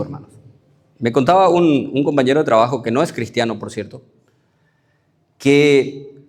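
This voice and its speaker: Man, pastor, Paraguayan Spanish accent, sermon, fairly high voice, rhetorical questions. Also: darkish tone. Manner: conversational, with rhetorical questions and frequent "¿verdad?".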